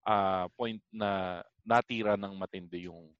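A man co-hosting a casual chat, animated and joking, swearing casually. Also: low voice, takes it slowly, smooth, no room sound, muffled recording.

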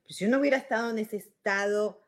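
Argentine woman doing a pep talk, lively, acts stuff out, mid pitch. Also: fast talker. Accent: Argentine Spanish. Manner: animated, acts out everyday scenes, frequent fillers. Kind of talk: motivational talk.

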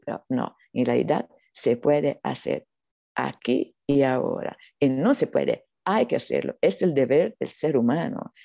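Spiritual teacher, non-native Spanish, creaky and dark-toned, earnest, feeling for words, close dry recording. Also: medium pitch, no echo. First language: not Spanish. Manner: earnest, halting, searching for words. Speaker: spiritual teacher being interviewed. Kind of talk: unscripted spiritual talk.

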